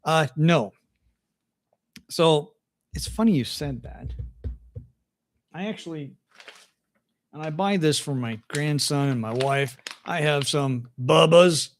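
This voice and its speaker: A man's voice: a little high, slow pace, long pauses, slight background noise. An older man hosting a casual livestream chat from home, folksy and chatty, often restarting his sentences. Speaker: host.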